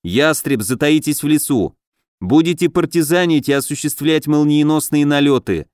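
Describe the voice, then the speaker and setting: A man voicing a quick-thinking young male elf tactician giving brisk commands. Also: on the high side, darkish tone, no echo, clean studio sound, close to an everyday voice. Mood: commanding.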